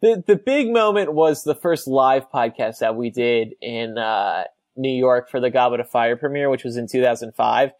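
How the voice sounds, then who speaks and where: A young man hosting a relaxed call-in podcast, chatting loosely with plenty of ums and easy laughter. His voice sits at an ordinary pitch and sounds close and dry, with no room around it. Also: normal speed, few pauses, no room sound. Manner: laughs often, rambling with many fillers. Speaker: podcast host. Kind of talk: casual call-in podcast chat.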